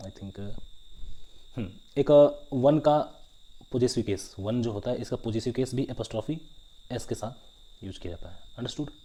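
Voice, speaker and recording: A man's voice: medium pitch, normal speed, pauses often, dark tone. A male grammar teacher giving an online exam-prep lesson in a mix of Hindi and English, often stopping to ask his students whether they understood. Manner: explains in Hindi mixed with English, keeps asking "understood?". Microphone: writing with a pen tablet while teaching.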